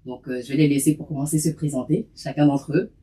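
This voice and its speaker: A man's voice: on the high side, fairly even intonation, fast, dark tone. A man hosting a sit-down discussion podcast, talking hesitantly with many fillers. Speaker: podcast host.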